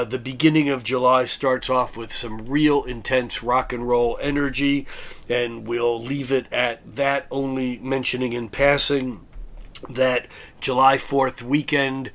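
A hoarse man with a raspy voice, recovering from illness, speaking as an astrologer in a methodical forecast monologue that goes through dates and planetary aspects one by one. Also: medium pitch, level tone, a little slow, fairly bright tone.

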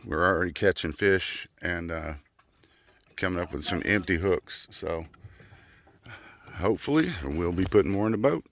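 A man's voice: low-pitched, animated, moderate pace, pauses often. Man, 40s, fishing vlog host, casual upbeat narration, filler-heavy, outdoors on a boat, phone mic, light background noise. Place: small boat on a river outdoors. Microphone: handheld phone camera.

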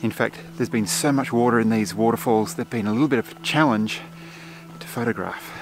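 A man's voice: medium pitch, a little fast, noisy background. A man in his forties, a photographer explaining his shoot in a chatty vlog to a handheld camera outdoors. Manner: chatty, explanatory, with frequent fillers. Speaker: landscape photographer. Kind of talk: casual vlog narration to camera. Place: outdoors in a forest and on a gorge lookout. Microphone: camera mic at arm's length.

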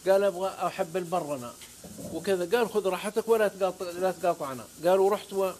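A man's voice: high voice, fast, darkish tone, slight background noise. A man with a Saudi accent, a guest preacher on a talk show, telling stories with fervent oaths and scripture quotes. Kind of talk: religious talk-show storytelling.

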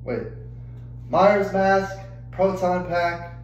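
A man's voice: high voice, drawn-out words, reverberant, dull audio, slight background noise. A young adult man ranting angrily and profanely to camera, exasperated and swearing constantly. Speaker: vlogger. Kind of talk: angry rant to camera.

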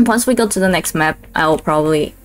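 Excitable woman streamer, gaming chat. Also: on the low side, moderate pace. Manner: excitable, laughs often, frequent exclamations. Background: faint lo-fi background music.

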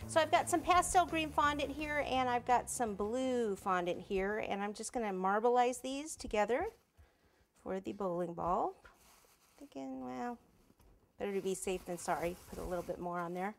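A woman in her forties teaches cake decorating in her home kitchen, chatting and thinking aloud as she works in a casual hands-on tutorial. Her voice is on the high side and creaky at a moderate pace, recorded on a lapel mic with faint music behind.

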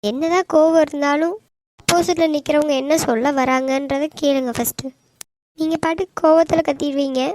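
A woman voicing a gentle, devoted young wife in a cartoon, talking in an earnest, pleading way. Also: sits high, steady tone, brisk, slight background noise, lightly acted. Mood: hurt, pleading. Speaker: voice actor. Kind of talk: animated cartoon dialogue.

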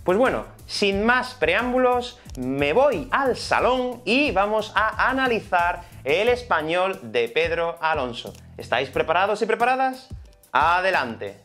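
A man's voice: high-pitched, sing-song, measured pace, pushed and bright, faint music behind. A man with a Spain Spanish accent teaching an online Spanish lesson in a chatty, explanatory way. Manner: chatty, explanatory, many fillers.

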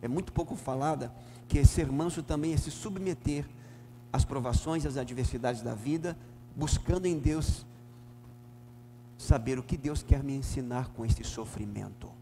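A man with a southern Brazilian gaúcho accent, a pastor teaching a Bible lesson emphatically, swinging from loud to soft. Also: medium pitch, moderate pace. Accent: southern Brazilian, Rio Grande do Sul. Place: church hall. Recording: reverberant church hall, faint hum.

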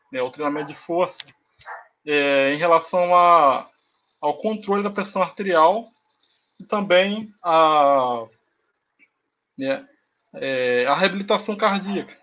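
A Brazilian man giving an online lecture over a video call, pausing often with filler sounds as he explains slides. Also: sits high, fairly bright tone. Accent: Brazilian Portuguese. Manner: hesitant, many filler sounds. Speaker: university lecturer. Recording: dull lo-fi video call audio.

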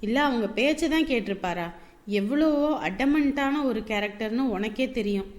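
An actress playing a stern, lecturing sister-in-law. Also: female voice, a little high, expressive, normal speed, close to an everyday voice. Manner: reproachful, explaining at length.

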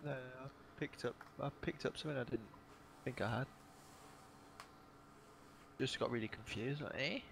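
A man's voice: mid-range voice, normal speed, creaky, long pauses, a bit bright. A man chatting casually with a teammate during an online shooter game, laid-back and easygoing. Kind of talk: casual gaming chat. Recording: noisy online voice chat.

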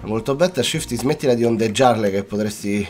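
This chatty Italian YouTuber, a young man, jokes through his gameplay while talking to viewers and mixing in English. His cough-worn voice is on the low side and darkish, and he speaks briskly as faint music plays behind him.

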